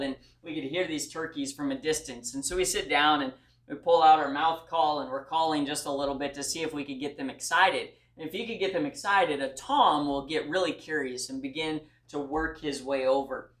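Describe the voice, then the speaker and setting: A student delivers a class presentation speech, talking directly to his audience in a folksy, earnest manner. His voice is on the high side and a bit bright, and the room is echoey.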